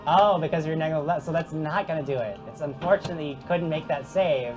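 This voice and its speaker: A man's voice: fairly high pitch, quick pace, over music. A man running a tabletop game as game master and patiently explaining the rules.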